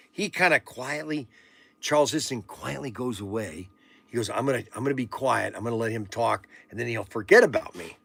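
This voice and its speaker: A man in his sixties hosts a relaxed livestream auction, rambling, joking, and reading viewers' comments aloud. His voice sits on the high side with a sharp tone, and there's no echo.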